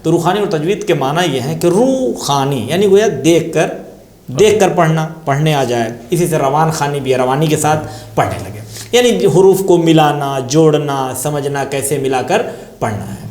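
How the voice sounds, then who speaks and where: Brief: man with an Indian Urdu accent, tajweed teacher, patient and explanatory, slightly raised pitch, roomy echo. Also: animated, darkish tone. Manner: patient, repeats key terms, asks and answers own questions. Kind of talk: religious lesson explanation.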